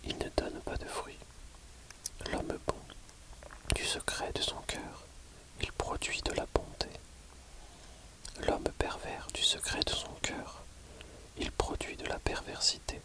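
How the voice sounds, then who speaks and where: ASMR audiobook reader: library whisper throughout, very slow, measured phrasing. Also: bright, forceful tone, low-quality recording. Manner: measured, pausing between short phrases.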